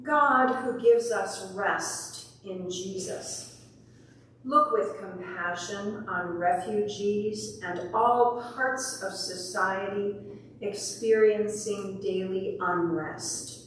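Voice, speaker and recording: A woman leading the congregation in a creed and prayers at a pulpit microphone in a church, in a measured, prayerful way. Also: medium pitch, distant mic, a little hiss or hum. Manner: measured, prayerful recitation with a repeated call of "Hear us, O God". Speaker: worship leader. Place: large church sanctuary. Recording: very echoey church, voice well off the mic.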